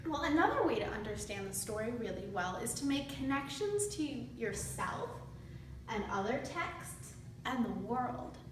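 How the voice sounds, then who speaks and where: In a very reverberant room, picked up by a far-off microphone with faint noise, a woman's unhurried, sing-song voice on the high side leads young children through a read-aloud. She is a student teacher, and she uses plain instructional phrasing while prompting the class with questions.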